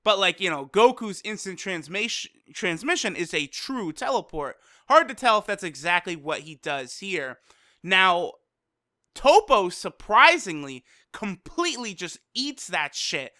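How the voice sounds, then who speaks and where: A young man with a high, bright, crisp voice reviews an episode in loose, swearing, off-the-cuff commentary. He leans heavily on fillers like "you know" and "like." The sound is dry and close. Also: sing-song, a little slow, dry recording. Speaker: anime reviewer.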